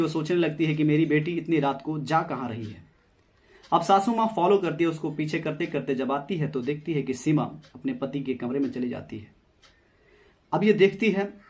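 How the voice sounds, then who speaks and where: Male true-crime storyteller, casual chatty delivery, slightly high pitch. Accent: Hindi. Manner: conversational, repeats phrases, addresses viewers as friends.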